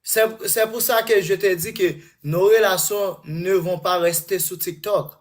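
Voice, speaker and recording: Man speaking halting broken French. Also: high voice, fairly even intonation. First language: not French; speaks broken French. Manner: broken French, groping and repeating words. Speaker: suitor in a live online matchmaking chat. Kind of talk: casual flirtatious chat.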